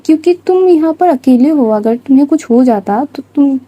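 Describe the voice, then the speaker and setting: A woman's voice: high voice, animated, moderate pace, warm tone, dry recording, rough recording. A woman voicing a caring but bossy young woman who scolds and fusses over someone in a story. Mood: fussing. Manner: scolding, fussing, insistent.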